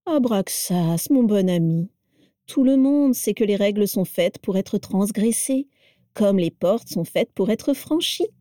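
A woman's voice: lively intonation, a little slow, no room sound, studio quality, natural voice. A woman voicing an exuberant, playful witch who teases and provokes, read in an audiobook. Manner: cheerful, teasing, high and bright. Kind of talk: audiobook character reading.

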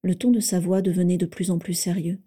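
A woman reading a story aloud in a measured, even narration. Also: on the low side, husky. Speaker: reader.

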